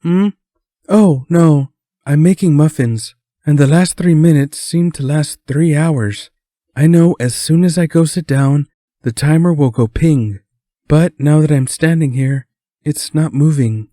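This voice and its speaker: A man voicing a cheerful, motherly woman who is baking muffins in a storybook reading, chatty and high-pitched. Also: a little slow, dark tone, no echo, studio quality, close to an everyday voice.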